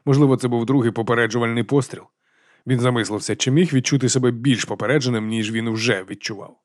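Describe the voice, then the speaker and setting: A man reading an audiobook in a measured, even narration. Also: mid-range voice, dry recording. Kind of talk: scripted narration. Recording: dry studio.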